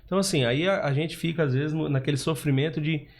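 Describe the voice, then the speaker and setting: A man's voice: on the high side, steady tone, brisk. A man talking casually as a podcast guest, with restarts and fillers.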